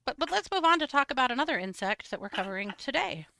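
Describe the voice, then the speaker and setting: A woman's voice: high voice, sing-song, quick pace, gravelly, sharp tone, no room sound. A woman co-hosting a live true crime show, chatting casually with wry, sarcastic humor. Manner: wry, sarcastic, laughs often. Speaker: true crime podcast co-host. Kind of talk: casual chat, live stream.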